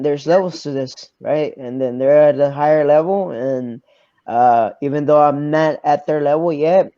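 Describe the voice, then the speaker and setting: A young man from Arkansas, a fighter answering interview questions quietly, pausing to search for words. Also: medium pitch, no room sound, muffled recording. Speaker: MMA fighter, guest. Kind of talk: casual interview.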